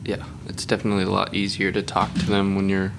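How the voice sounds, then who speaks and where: A man's voice: low voice, completely flat delivery, fast talker, vocal fry, noisy background. A young adult man, a podcast guest, chatting casually in an easygoing, agreeable way. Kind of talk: casual chat.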